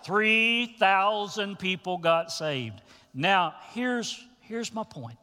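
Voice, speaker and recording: A man preaching a sermon to his congregation as pastor, telling the story with animated, folksy asides. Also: high-pitched, very slow, in a large hall.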